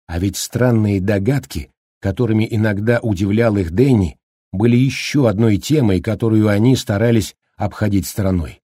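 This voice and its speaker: A man narrating a thriller audiobook in a steady, even reading voice. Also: lowish voice, husky, dry recording, clean studio sound. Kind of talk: scripted narration.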